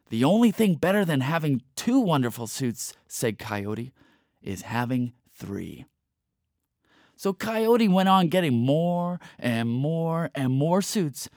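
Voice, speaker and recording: Male narrator for a playful fable, expressive and lively, bright-ish voice, dry close read. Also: mid-range voice, no echo. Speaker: storyteller. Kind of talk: storybook narration.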